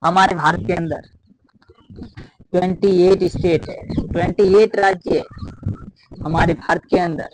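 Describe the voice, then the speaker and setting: Male teacher, high voice, casual repetitive blackboard lecture, faint room noise. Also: steady tone, measured pace, pauses often. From Rajasthan. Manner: repetitive, explains with many fillers.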